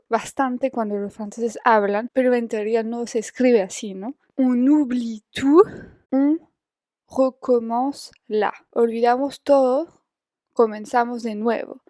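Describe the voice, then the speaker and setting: Soft-toned teacher explaining slowly. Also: female voice, a little high, no echo, clean studio sound. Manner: slow careful French pronunciation then explains in Spanish. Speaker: French teacher. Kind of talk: language lesson explaining lyrics.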